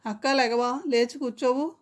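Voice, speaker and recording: A woman's voice: high-pitched, steady tone, moderate pace, lightly acted. A woman reading the lines of a grief-stricken young man mourning his sister, with anguished, pleading calls. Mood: grieving.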